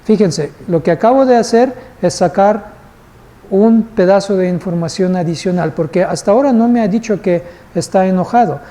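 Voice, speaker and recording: A man's voice: sits high, moderate pace, warm tone. A male instructor teaching a live class, patient and asking the group questions. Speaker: course instructor.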